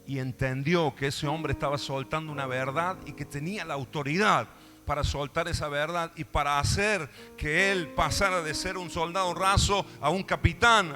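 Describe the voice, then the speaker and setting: A male pastor with a Rioplatense Spanish accent, preaching a sermon in a church, emphatic, with call-and-response asides and playful acted-out dialogue. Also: a little high. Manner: acts out quoted dialogue, laughing often.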